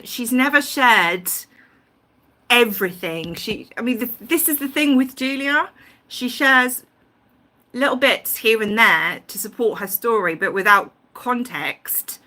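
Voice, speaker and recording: Here a YouTube livestream host speaks at medium pitch with a bright, forceful tone, recorded on a home livestream mic. Her casual, long-winded take on her views is full of ums and false starts, and she knows when she's going off on tangents.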